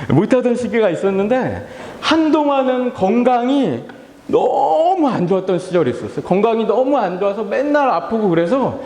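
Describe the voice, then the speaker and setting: A man's voice: high voice, sing-song, moderate pace, darkish tone. A man in his thirties preaching a children's sermon. He talks playfully, asks the children questions, leads call-and-response, and acts out his family and his own tired sighs. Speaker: pastor. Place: church hall. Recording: echoey hall with long reverb.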